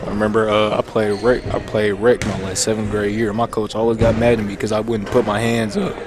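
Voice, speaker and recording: A man's voice: lowish voice, flat delivery, fairly quick. A young man doing color commentary for college basketball, talking in a loose, chatty way. He drops in slang and now and then trips over a word before getting it out. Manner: casual and chatty, uses slang, stumbles over words.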